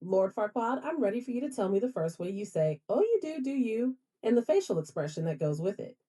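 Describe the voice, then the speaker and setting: A synthetic-sounding female assistant voice with a lively, rising and falling pitch and a mellow, darker tone. She answers in a polite, accommodating way, with a slight husky edge to the sound. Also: fairly quick. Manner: polite, accommodating, formal address. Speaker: smart home voice assistant. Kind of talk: assistant replies.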